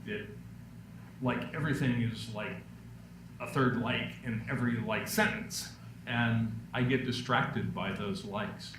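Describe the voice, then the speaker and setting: A middle-aged man with a deep voice runs a public speaking workshop Q&A in a lecture room, telling relaxed stories with dry, self-deprecating jokes. The mic is distant, and the room is echoey with background noise.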